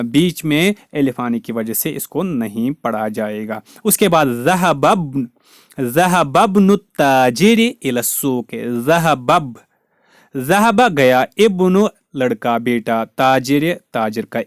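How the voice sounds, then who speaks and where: A man's voice: medium pitch, no room sound, clean studio sound. A man teaching a recorded language lesson, carefully explaining each word and repeating it with its meaning. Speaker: Arabic teacher.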